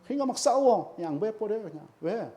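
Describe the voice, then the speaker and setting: High-voiced pastor preaching emphatically. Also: male voice, sing-song, quick pace, mellow. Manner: emphatic, asks the congregation rhetorical questions. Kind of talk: sermon.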